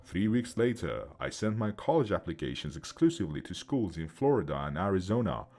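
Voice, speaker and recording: Male horror narrator with a mellow, breathy tone and a steady, measured read. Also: deep voice. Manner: steady, measured first-person reading. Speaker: storyteller.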